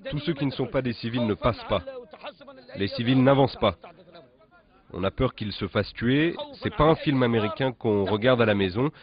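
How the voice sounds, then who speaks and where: A man speaks a translated interview in a plain, earnest way. The audio is muffled, and a crowd is clearly heard behind. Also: mid-range voice, moderate pace. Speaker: interpreter voice-over.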